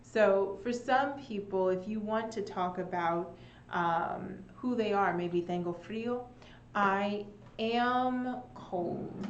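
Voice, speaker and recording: A woman English teacher giving a slow, patient live lesson and explaining with examples. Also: mid-range voice. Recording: echoey, dull room sound with faint noise.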